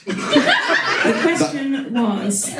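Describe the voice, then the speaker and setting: A woman's voice: high voice, wildly swooping pitch, very slow. Woman moderating from afar, echoey. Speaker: audience question moderator. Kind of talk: casual live event moderating. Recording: distant, echoey, noisy live venue.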